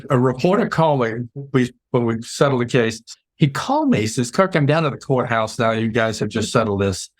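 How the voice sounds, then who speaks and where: An older man tells workplace stories in an animated, rambling way, stopping and restarting his sentences. His voice sits at a middle pitch. The sound is dry and close. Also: dry recording. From United States. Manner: animated storyteller, many restarts. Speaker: interview guest, PR veteran. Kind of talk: casual interview chat.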